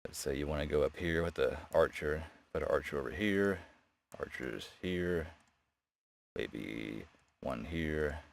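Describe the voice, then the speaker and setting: A man giving a casual, unscripted game-development update in a low-key, rambling, hesitant way. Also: measured pace, creaky, a little hiss or hum. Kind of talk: casual unscripted screen-share commentary. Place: indoors beside a gaming laptop. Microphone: new microphone near a laptop.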